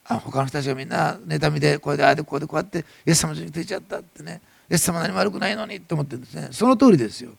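A middle-aged male pastor with a Nagasaki dialect preaches with a high, gravelly voice at a quick pace. He swells to loud passages and then drops soft. The sound is dry and close. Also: no room sound. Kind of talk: sermon.

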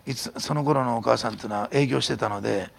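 A man preaching a sermon as a pastor, telling stories in an animated way and sometimes dropping to a whisper. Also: medium pitch, fast, gravelly. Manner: animated storytelling, drops to a whisper at times.

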